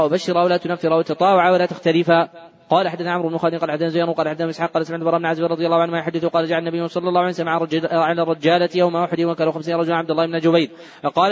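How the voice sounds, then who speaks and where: Reading hadith aloud at speed in a large mosque, a man with a somewhat high voice restarts the words he stumbles over. High frequencies are missing from the recording.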